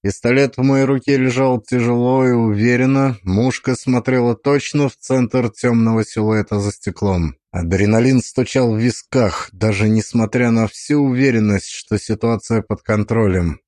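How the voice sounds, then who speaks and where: A man giving a measured, suspenseful reading as an audiobook narrator, in scripted narration. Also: mid-range voice, fairly even intonation, darkish tone, dry recording, studio quality.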